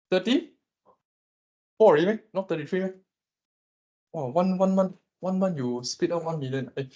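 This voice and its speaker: A Malaysian man lecturing his class on economics, animated and teasing as he quizzes students. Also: fairly high pitch, muffled recording. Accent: Malaysian English.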